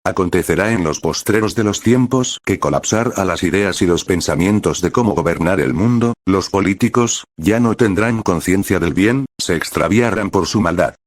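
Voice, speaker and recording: A man with a very low voice reads out a prophetic vision as a pastor would, slow and solemn, leaning into the dramatic moments. He is from Peru. The sound is dry, with no room echo. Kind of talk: scripted reading of a prophetic vision.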